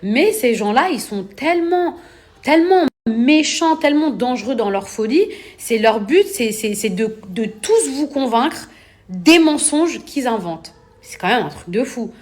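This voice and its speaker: A woman's voice: on the high side, expressive, a little slow, a little mellow. A young woman, an influencer speaking casually to her followers, indignant and emphatic, repeating words for stress and working up to heated outbursts. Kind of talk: casual monologue to camera.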